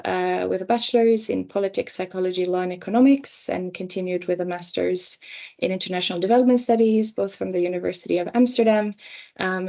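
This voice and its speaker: Gravelly-voiced young woman on a panel. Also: lowish voice, darkish tone. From Romania and Finland. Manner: measured, many ums and uhs. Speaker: career panel speaker. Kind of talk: online panel talk.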